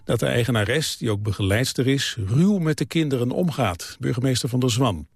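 A male newsreader reading the radio news in a steady, measured way. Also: medium pitch, creaky, husky, dry recording, studio quality. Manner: even, measured delivery. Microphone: studio microphone.

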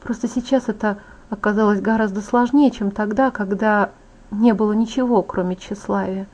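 A woman's voice: medium pitch, steady tone, moderate pace, darkish tone, natural voice. A woman reading as a vain, bitter vampire beauty. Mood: confiding. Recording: dull lo-fi audiobook audio.

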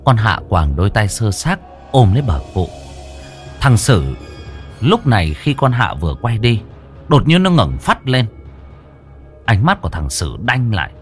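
A man's voice: lowish voice, very animated, unhurried, pauses often. A man narrating a ghost story in a dramatic, scripted style. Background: faint music.

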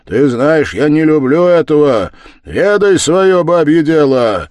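A man voicing a fierce young Cossack who speaks in a loud, commanding way. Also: fairly high pitch, very animated, slow, dry recording, clean studio sound, voice pushed up. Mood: furious. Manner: commanding, shouting.

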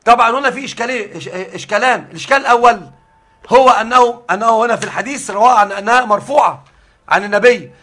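A man teaching a religious lesson as a sheikh, explaining with halting starts and frequent repeated words. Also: extremely high pitch, bright, forceful tone.

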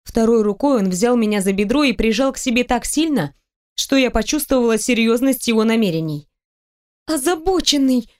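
A woman narrating a romance audiobook in the first person in an even storytelling manner. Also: fairly high pitch, brisk.

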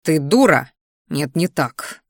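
A woman's voice: on the low side, normal speed, dry recording, studio quality, natural voice. A woman voicing a stern young male mage who talks to his family in a growling, sarcastic way. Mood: scornful.

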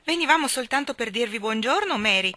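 A woman voicing a stiff, thin, ceremonious gentleman in a storybook reading, speaking fussily and formally. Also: on the high side, lively intonation, fairly quick, voice pushed up. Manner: fussy and formal.

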